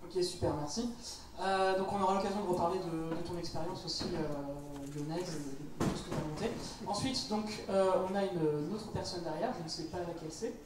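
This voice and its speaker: A man's voice: high voice, steady tone, normal speed, few pauses. A man moderating a panel, introducing speakers in a loose, joking way. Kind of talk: informal moderating. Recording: roomy hall mic from far off, noise behind.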